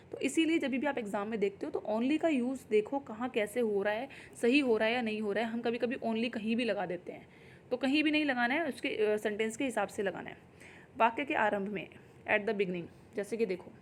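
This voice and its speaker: A woman's voice: on the high side, a little hiss or hum. Hindi-speaking woman teaching grammar. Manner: explains in Hindi, reads English examples slowly. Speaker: English teacher. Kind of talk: exam-prep grammar lesson.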